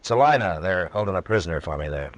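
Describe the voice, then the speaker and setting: A man playing a steady, laconic frontier marshal in an old-time radio western, speaking in a measured, understated way. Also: deep voice, no echo. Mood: easygoing. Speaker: radio drama actor. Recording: vintage radio drama recording.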